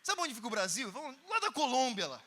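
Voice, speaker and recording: A man from Brazil with a Brazilian Portuguese accent, preaching at a conference and telling stories in an animated way that bursts into shouts. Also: very high voice, fast talker. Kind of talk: conference sermon. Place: large conference hall. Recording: long reverb of a conference hall.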